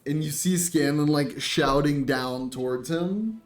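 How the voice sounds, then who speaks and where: Unhurried man running a tabletop game. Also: on the high side, faint music behind. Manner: unhurried, laughing narration. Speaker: game master. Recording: echoey room, mic far off.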